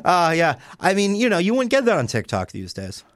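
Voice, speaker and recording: A man's voice: sits high, huge pitch swings, dry recording, clean studio sound. A man hosting a comedy podcast, telling rambling stories with lots of fillers and restarts. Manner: halting, many fillers and restarts. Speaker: podcast host.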